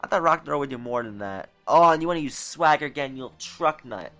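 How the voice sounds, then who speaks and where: Brief: excitable New York-accented gamer narrating a playthrough, very lively pitch. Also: fast talker, faint music behind. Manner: excitable, exasperated running reactions. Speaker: let's player. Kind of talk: video game playthrough commentary.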